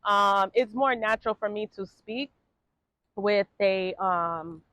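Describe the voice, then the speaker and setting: A woman's voice: mid-range voice, slow, fairly bright tone, dry recording. A middle-aged woman from Jamaica who speaks with an American accent, vlogging casually with many fillers and easy laughter. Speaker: travel vlogger. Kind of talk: casual talk to camera. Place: Ghana.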